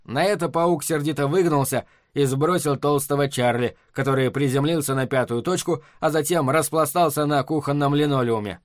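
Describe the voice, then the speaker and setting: A man narrating an audiobook in an even storytelling manner. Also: fairly high pitch, normal speed, hardly any pauses, dry recording, clean studio sound. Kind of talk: scripted narration.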